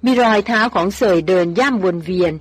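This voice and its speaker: Steady audiobook reader, dry close sound. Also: medium pitch, fairly quick, husky, no room sound. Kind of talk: scripted narration of a novel.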